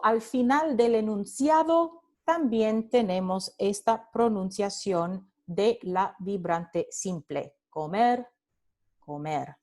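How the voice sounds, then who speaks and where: Woman, phonetics instructor, recorded slide lecture, slow deliberate pace, patient, demonstrates sounds, brief English asides. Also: medium pitch, darkish tone. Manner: patient explaining, repeats words to demonstrate sounds; slips into short English asides for students.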